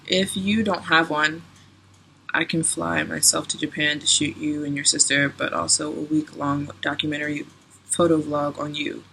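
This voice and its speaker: Young woman in her twenties, bright crisp tone, chatty vlogger who laughs easily. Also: sits low, slight background noise. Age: 20s. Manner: chatty, giggly, lots of "like" and "um". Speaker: travel vlogger. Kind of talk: casual Q&A vlog.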